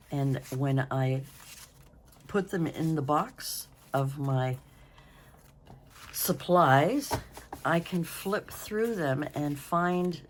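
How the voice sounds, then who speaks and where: A woman's voice: rumbling low, a little mellow, slight background noise. A woman in her sixties hosting a craft video, rambling and thinking aloud in a self-deprecating way as she works. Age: 60s. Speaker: craft channel host. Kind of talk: casual crafting talk-through.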